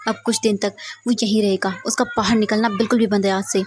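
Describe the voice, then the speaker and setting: A woman's voice: medium pitch, little pitch movement, fast, darkish tone, slight background noise, lightly acted. A woman playing a furious strict father. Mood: angry. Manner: harsh, scolding. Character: furious strict father, middle-aged man.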